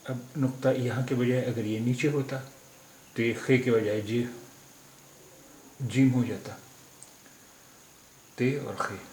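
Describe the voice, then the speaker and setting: He's a language teacher from India whose medium-pitched, slightly mellow voice stays steady, moving slowly with frequent pauses. In an echoey room with faint background noise, he patiently teaches a script word by word, explaining each step and saying every word three times over.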